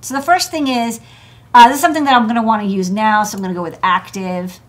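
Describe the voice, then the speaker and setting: A woman in her thirties, an electronics engineer hosting a desk show, talks fast in a medium-pitched, steady voice. Seated at her workshop desk, she gives a casual technical walkthrough of parts, chatty and full of fillers and restarts.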